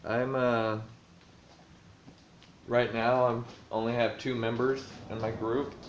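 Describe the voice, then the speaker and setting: A man's voice: mid-range voice, flat delivery, slow pace, slight background noise. A man vlogging casually about the tabletop campaign he runs as dungeon master, thinking aloud and rambling with lots of fillers, recorded in a room at home. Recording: roomy, dull lo-fi home recording.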